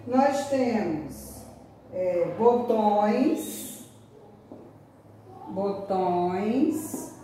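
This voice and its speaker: A woman's voice: high-pitched, mellow, slight background noise. A woman teacher with a Brazilian Portuguese accent, giving a recorded lesson to young pupils and drawing out words to show their sounds. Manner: slow, drawn-out words, exaggerated sounds to demonstrate. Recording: echoey room, voice from a distance.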